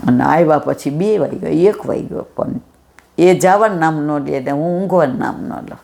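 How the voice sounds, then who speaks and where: Low, mellow older woman telling stories. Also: normal speed, gravelly. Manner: anecdotal, reenacts dialogue. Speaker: satsang speaker. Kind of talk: devotional storytelling talk.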